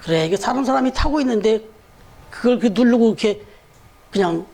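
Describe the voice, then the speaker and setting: A thoughtful old man musing quietly to himself, voiced by a preacher. He sounds approving and mild, lower and softer than a plain speaking voice. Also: animated, brisk.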